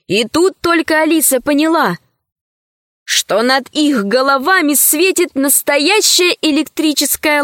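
A woman reading a children's story aloud in a measured, expressive way. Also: sits high, dry recording, studio quality. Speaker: narrator. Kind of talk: audiobook reading.

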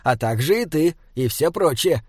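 A man's voice: a little high, lively intonation, normal speed, husky, no echo, clean studio sound. A man playing a mischievous little troll. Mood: playful. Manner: formal, oddly stilted speech. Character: small cheerful male troll, mischievous.

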